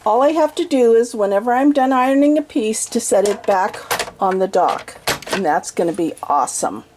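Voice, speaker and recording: A woman's voice: a little high, moderate pace, a little mellow, slight background noise. A middle-aged woman casually narrating a vlog as host, recorded inside a small camper trailer. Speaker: host of a sewing and travel vlog.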